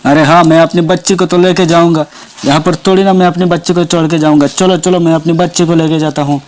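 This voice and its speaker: Man doing a high, menacing village witch for a doll story; frantic, repetitive, threatening. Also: fairly even intonation, fast talker, a little hiss or hum, close to an everyday voice. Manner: frantic, repeated exclamations and threats. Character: menacing female village witch hunting her baby.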